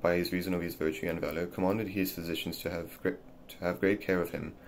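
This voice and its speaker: A man's voice: sits low, little pitch movement, fast, a little hiss or hum. A man reading an old essay aloud, often stumbling and repeating words as he goes. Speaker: reader of a classic essay.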